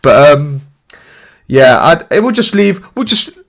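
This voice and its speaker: A man's voice: fairly high pitch, big pitch swings, measured pace, creaky. Male co-host, casual stream banter, loose rambling delivery, repeats himself.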